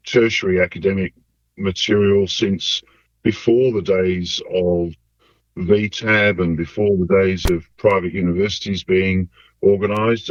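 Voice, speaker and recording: A man, a university lecturer, answering interview questions in an electronically altered, disguised deep voice, measured and hesitant with fillers. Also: dry recording. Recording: dull, lo-fi voice-altered audio.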